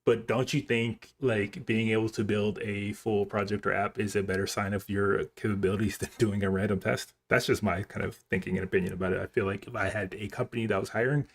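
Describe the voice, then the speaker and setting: This time the coding streamer's low voice is flat and brisk, with vocal fry, a breathy edge and few pauses. Casual and full of slang, he thinks out loud as he reads out and responds to comments from his viewers.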